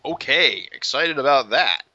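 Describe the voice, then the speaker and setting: A man talking casually about comics on a podcast, giving brief replies and steady explanations. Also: medium pitch, a little slow, dry recording, lo-fi sound.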